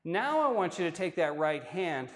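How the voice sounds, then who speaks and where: Male yoga teacher, slightly raised pitch, laid-back and joking, recorded with a long room echo. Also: normal speed. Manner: relaxed, joking asides while demonstrating. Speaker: yoga instructor. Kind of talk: guided yoga class instruction. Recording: long hall-like reverb.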